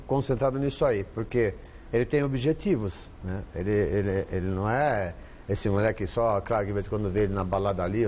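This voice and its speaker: Fast-talking Brazilian coach, rambling. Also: male voice, on the low side, a little mellow, highs cut off, a little hiss or hum. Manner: rambling, repeats himself, many fillers like "né?" and "entendeu?". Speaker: football coach guest. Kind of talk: casual studio chat.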